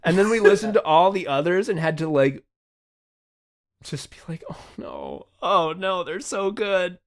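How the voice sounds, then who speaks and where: A man who hosts a podcast and writes comedy chats casually, swearing freely and making jokes at his own expense. His voice is high and sing-song, and he talks a little slowly.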